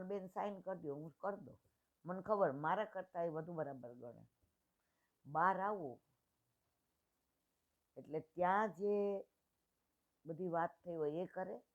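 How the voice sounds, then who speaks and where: Woman in her sixties on a tinny line. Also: lowish voice. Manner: retells dialogues in plain homely speech. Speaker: satsang speaker. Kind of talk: devotional storytelling talk.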